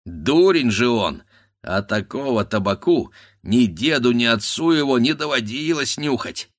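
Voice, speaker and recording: A man's voice: mid-range voice, lively intonation, unhurried, no echo, studio quality, natural voice. A man reading a storybook voices an old village grandfather who grumbles and exclaims to himself. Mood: grumbling.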